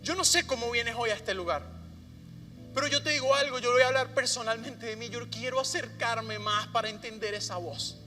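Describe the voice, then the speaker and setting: A man preaching a sermon as pastor, often dropping to a soft hushed voice to stress a point. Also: extremely high pitch, normal speed, faint music behind. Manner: drops to a soft hushed voice for emphasis. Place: church sanctuary. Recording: long hall reverb.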